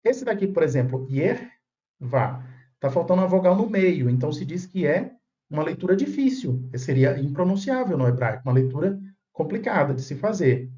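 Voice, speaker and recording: A man's voice: on the high side, big pitch swings, a little fast, mellow, dull audio. A man giving a video lesson on old manuscripts, explaining step by step and often checking in with his viewers. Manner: didactic, checks in with "tá?" and "né?". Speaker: Bible manuscript lecturer.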